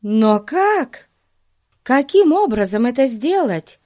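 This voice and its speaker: A woman's voice: fairly high pitch, big pitch swings, slow pace, darkish tone, no echo, clean studio sound, voice pushed up. A woman voicing an eager, worried schoolgirl in a storybook, asking doubtful questions.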